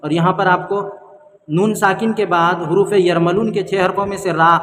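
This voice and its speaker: A man teaching the rules of Quran reading, explaining step by step, asking and answering his own questions, and chanting the verses slowly. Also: high-pitched, steady tone, fairly bright tone, reverberant, in a large hall, a little hiss or hum.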